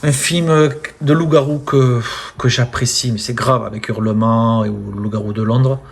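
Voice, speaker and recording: A man chatting casually about films from his collection, full of fillers, often trailing off softly at the ends of phrases. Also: medium pitch, steady tone, moderate pace, gravelly, breathy edge. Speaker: film collector presenting his steelbooks. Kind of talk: casual unboxing-style chat.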